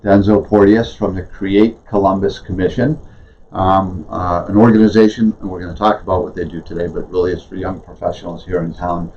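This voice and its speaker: A male interview host asks loose, rambling questions in a very deep voice. His tone is husky and a little rough. The recording sounds dull and lo-fi. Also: steady tone, brisk, a little mellow. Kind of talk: conversational interview.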